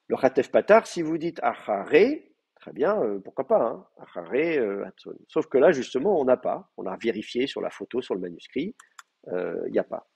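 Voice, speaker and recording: A man's voice: medium pitch, big pitch swings, moderate pace, creaky, a little mellow, breathy edge. A man teaching an advanced Hebrew class, explaining grammar step by step with many hesitant fillers. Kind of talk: live class lecture.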